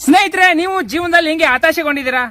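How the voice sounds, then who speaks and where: Man playing a shrill, hyped ad announcer. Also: rapid-fire, slight background noise. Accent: North Karnataka Kannada. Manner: hyped sales pitch, shouty. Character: overexcited male ad announcer, pushy and loud.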